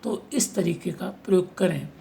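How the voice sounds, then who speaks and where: A man's voice: high voice, measured pace, vocal fry, mellow. A male teacher giving an exam-prep lecture on spelling, reading out examples and often checking that his listeners follow.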